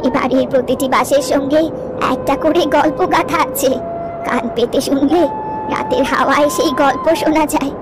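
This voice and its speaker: In a cartoon story, an older woman plays a wistful, gentle village grandmother recounting river lore with poetic, reflective pauses. Her high voice swings widely in pitch, the mood mysterious and soft, with music in the background.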